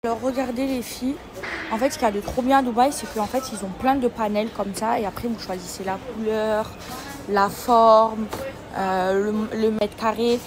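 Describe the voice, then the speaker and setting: Woman in her 30s vlogging on her phone, chatty, keeps talking to her followers, highish voice, lots of background noise. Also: steady tone, moderate pace. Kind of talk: casual vlog addressing followers. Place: indoors then car and shops, mostly on the go.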